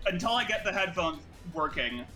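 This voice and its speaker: A man's voice: sits high, big pitch swings, moderate pace, pushed and bright, faint music behind. A man in casual chat on a voice call, his audio echoing as if he were in a cave while he tries to sort out his headphones. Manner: distracted, troubleshooting his headphones mid-talk. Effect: cave-like echo on his voice call audio.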